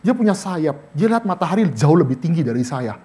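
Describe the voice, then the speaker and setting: A young man, a vicar, teaching a casual church Bible study, telling anecdotes with sudden high bursts and chuckles, dropping English words in. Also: very animated, brisk, warm tone. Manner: drops English words into talk. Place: church hall.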